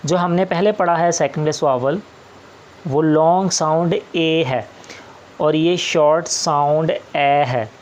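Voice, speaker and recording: A man's voice: on the high side, darkish tone, a little hiss or hum. A man teaching shorthand step by step, patient and repetitive, often opening with "ji". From Pakistan. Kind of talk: slow step-by-step classroom explanation.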